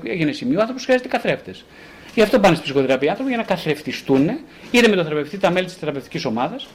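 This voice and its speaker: A male psychotherapist talking casually about relationships, rhetorical and animated, acting out the voices he quotes. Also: sits high.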